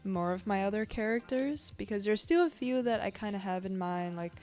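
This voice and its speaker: Easygoing woman streaming art, casual chatty talk, medium pitch, some music in the back. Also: fairly quick, darkish tone. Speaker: art livestreamer. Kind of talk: casual livestream chat while drawing. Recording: music behind the voice.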